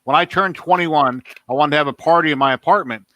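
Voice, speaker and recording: Fifties guy hosting a stream, kinda high bright voice, rambles on with stories. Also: fast talker. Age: 50s. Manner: rambling storyteller. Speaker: livestream host. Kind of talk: casual chat.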